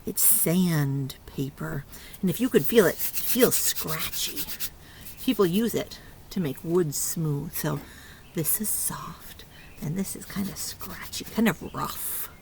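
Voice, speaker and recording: This early learning teacher whispers in a low, creaky, expressive voice, moving slowly. She guides young children through sung fingerplay rhymes with a playful, sing-song preschool style.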